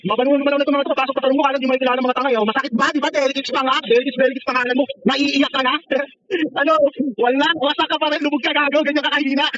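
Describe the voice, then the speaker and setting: A man's voice: very high voice, level tone, racing, pushed and bright, highs cut off, slight background noise. A man trash-talking other players over game voice chat, mocking and taunting them, laughing often and swearing freely. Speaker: online gamer.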